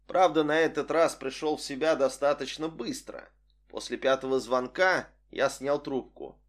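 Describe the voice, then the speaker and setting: A man narrating a first-person audiobook in a measured, wry storytelling manner. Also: mid-range voice.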